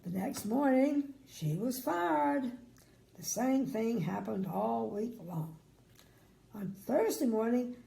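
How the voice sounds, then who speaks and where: Sweet old lady, very creaky voice. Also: mid-range voice, warm tone. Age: older. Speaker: grandmother reading bedtime stories. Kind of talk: read-aloud children's story with chatty asides.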